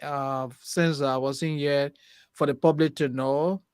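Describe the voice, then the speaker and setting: A man on a talk show panel, speaking slowly and deliberately with many fillers. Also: on the high side, fairly even intonation, darkish tone, clean tone, dry recording, studio quality. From Liberia. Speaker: co-host panelist.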